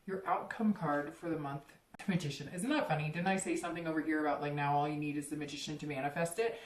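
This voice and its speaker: Low-voiced woman reading tarot, chatty. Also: fairly even intonation, fast talker, roomy sound, far from the mic, poor audio. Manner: chatty and rambling, with many fillers and restarts. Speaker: tarot reader.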